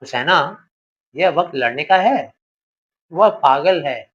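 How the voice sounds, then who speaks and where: A man voicing a gentle, worried elderly landowner woman who speaks with affection and concern. The voice sits a bit above a typical male register, and the recording sounds slightly dull. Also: a little high, animated, slow, breathy edge, full character voice.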